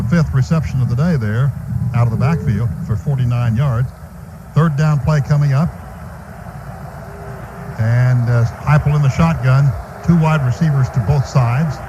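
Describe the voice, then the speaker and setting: In a noisy live radio broadcast from a stadium, a man with an American accent calls a football game play by play over the loud ambience of the crowd. His voice is medium-pitched and the audio is dull.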